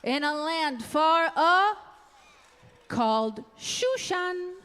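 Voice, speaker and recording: Singsong high-voiced woman telling children a story. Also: animated, fairly bright tone. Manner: singsong, drawn-out, playful repetition like a puppet show host. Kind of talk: interactive storytelling for young children. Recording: echoey hall, ukulele music nearby.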